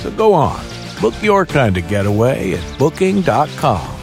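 A man playing an easygoing, folksy cowboy pitchman in a radio ad, with a gravelly voice. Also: wildly swooping pitch, measured pace, music in the background, exaggerated voice. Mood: folksy, reassuring. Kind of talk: scripted radio ad.

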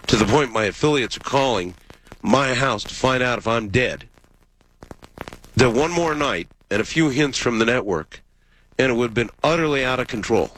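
A man's voice: mid-range voice, fairly bright tone, slight background noise, low-quality recording. An American man hosting a casual radio call-in show, wry and dry-humoured, sick with a cold.

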